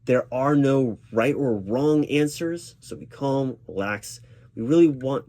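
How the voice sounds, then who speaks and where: In a warm, unhurried mid-range voice, a man delivers a one-sided spoken ASMR roleplay as a recruiting manager. He sounds patient and reassuring, phrasing things in a formal corporate way.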